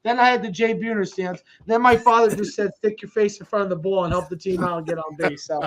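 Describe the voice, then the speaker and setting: A man's voice: high-pitched, steady tone, fast. A man co-hosting a sports podcast, telling rambling stories with casual chat and frequent laughs. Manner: rambling storyteller, laughs often. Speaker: podcast co-host. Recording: dull lo-fi audio.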